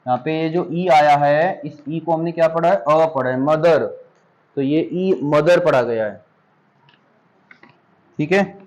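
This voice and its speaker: Patient male teacher, slightly high voice. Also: a little mellow, low-quality recording. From India. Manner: patient, drawn-out example words, calls students "beta". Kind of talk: spoken English class for students.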